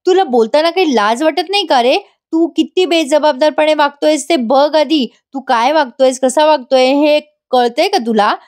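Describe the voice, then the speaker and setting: Angry pregnant young wife, scolding, high, read by a woman narrator. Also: natural voice. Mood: angry complaining. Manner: scolding, rapid complaints.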